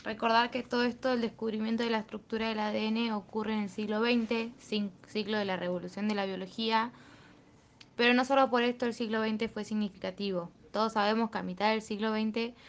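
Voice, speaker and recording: A woman's voice: a little high, fairly even intonation, a little fast. A young woman, a student, reading a school presentation steadily, with small fillers.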